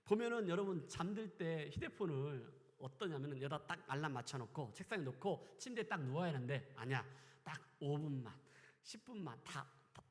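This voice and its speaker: A man preaching a sermon as pastor, switching between loud exclamations and quiet asides. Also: on the high side, lively intonation, a little fast, in a large hall. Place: church sanctuary.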